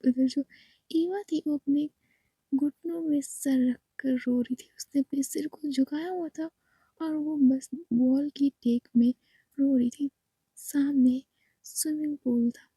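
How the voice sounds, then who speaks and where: A woman narrating a love story in a soft, hushed voice, half whispered. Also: sits high, fairly even intonation, slow pace, dry recording.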